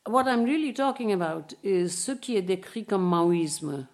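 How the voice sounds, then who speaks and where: With a mid-range, expressive voice and a somewhat slow delivery, an older Bengali-speaking woman from India reads an academic lecture from a prepared text. The dense, formal reading gives way at times to hesitant asides in English.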